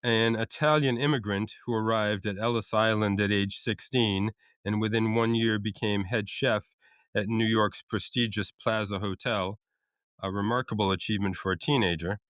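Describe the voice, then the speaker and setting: A man's voice: lowish voice, fairly even intonation, moderate pace, a bit bright, clear, resonant tone, dry recording, studio quality. A man co-hosting a casual podcast, reading out food trivia with frequent uhs and restarts. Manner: reads out facts with many uhs and restarts. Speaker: co-host.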